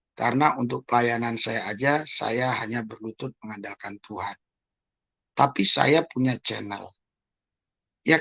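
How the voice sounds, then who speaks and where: Gravelly man with emphatic rhetorical questions. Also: medium pitch, a bit bright. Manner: addresses listeners as "Saudara". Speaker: YouTube channel host. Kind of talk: clarifying monologue to viewers.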